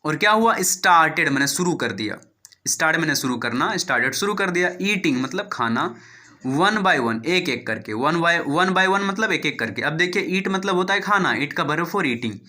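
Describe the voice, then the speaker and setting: A man with an Indian accent reads an English story one phrase at a time, spells out words letter by letter and quizzes himself on the meanings. His voice is very bright and sits a little high for a man. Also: animated. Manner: explains slowly, asks and answers his own questions. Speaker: English teacher. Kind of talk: line-by-line reading and translation lesson.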